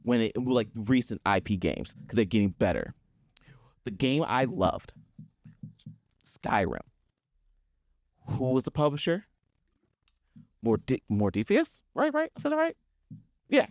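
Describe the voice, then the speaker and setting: A man co-hosting a casual gaming show, talking excitedly and laughing often. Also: lowish voice, slow pace, pauses often, dry recording, studio quality. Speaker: podcast co-host.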